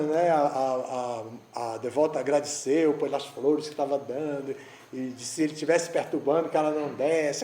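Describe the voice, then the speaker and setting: A spiritual teacher with a high, darkish-toned voice gives a conversational devotional talk at an eco-village gathering, telling a story and often restarting his sentences. The space is roomy and the recording carries a roomy echo.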